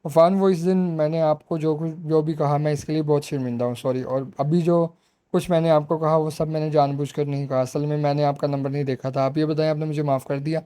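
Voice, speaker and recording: A man voicing a chatty, teasing young woman in a spoken romance novel reading, talking quickly and pleading. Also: a little high, fairly even intonation, mellow, smooth, natural voice. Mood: flustered.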